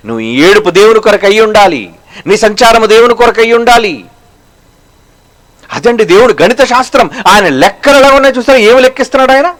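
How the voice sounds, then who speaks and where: A pastor delivers a sermon in a high-sitting voice, firing rhetorical questions at his listeners. He slows down for emphasis and swings between loud and hushed.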